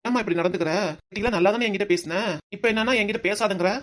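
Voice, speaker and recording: This is a lively young grandson in a cartoon family drama, voiced by an actor. He talks loud and very fast to his grandparents. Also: mid-range voice, close to an everyday voice. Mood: pleading.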